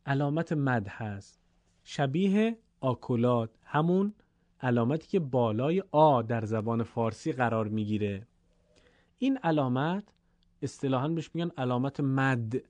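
A man's voice: medium pitch, a little mellow, dry recording. Patient male Quran teacher, dry close sound. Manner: slow, stretched chanted recitation of examples; patient, explanatory tone. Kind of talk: recorded Quran reading lesson.

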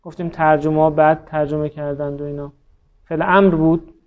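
A man's voice: fairly high pitch, flat delivery. Patient male grammar teacher, lo-fi recording. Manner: patient, quizzing and praising students. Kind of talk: classroom lesson, drilling students.

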